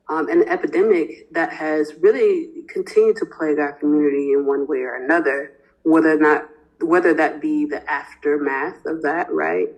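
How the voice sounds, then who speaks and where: A woman interviewing the host on a podcast, talking in a lively, effusive way with many casual fillers. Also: deep voice, rough recording.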